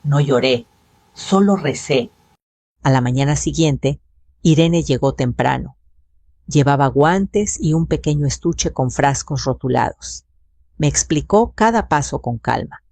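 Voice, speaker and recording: An older woman narrating her own family drama in the first person, slow and hushed. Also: low voice, expressive, no room sound. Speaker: storyteller.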